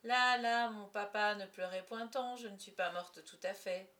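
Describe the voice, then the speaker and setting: A woman voicing a little girl actress who plays a daughter on stage, with high, loud, theatrical cries, in a storybook reading. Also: measured pace. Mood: teasing.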